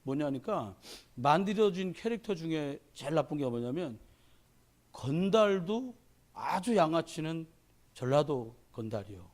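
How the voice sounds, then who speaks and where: A man's voice: fairly high pitch, unhurried. A man preaching a sermon as a pastor, folksy and humorous, acting out the voices of people he quotes. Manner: animated storyteller who acts out quoted voices.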